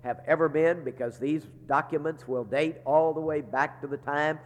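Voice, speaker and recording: Making chapel announcements in a large, reverberant hall, a middle-aged man who leads a seminary speaks with a steady tone, a voice on the high side, and a moderate pace. He's folksy and joking, using "uh" a lot, and sinus congestion makes him sound as if he's inside a barrel.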